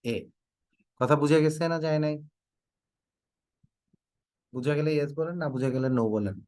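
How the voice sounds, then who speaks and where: A man's voice: a little high, moderate pace, a little mellow, no room sound, clean studio sound. A man from Bangladesh who teaches English, giving an online class lecture, quizzing his students and often repeating prompts for them to type in their answers. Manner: joking mock threats.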